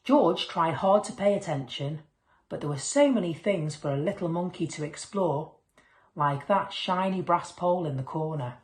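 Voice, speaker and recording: Reading at an ordinary speed with a fairly low pitch, a woman narrates a children's picture book. Her expressive delivery acts out the dialogue and sound words, and the recording has an echoey room sound.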